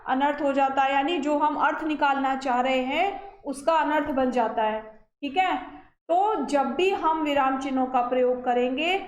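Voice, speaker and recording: A woman teacher giving a grammar lecture, explaining step by step and checking in often with her listeners. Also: high-pitched. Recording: echoey room.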